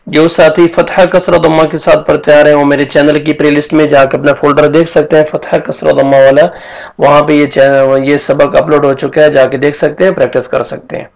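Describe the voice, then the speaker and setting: A man teaching a Quran recitation lesson, patiently explaining each letter and sound, then chanting the verses slowly. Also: a little high, flat delivery, gravelly, rough recording.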